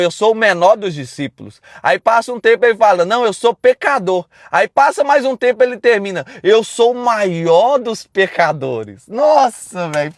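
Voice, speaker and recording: A man preaching casually and loudly on a live stream, talking bluntly and straight to his viewers. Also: high voice, no echo, studio quality.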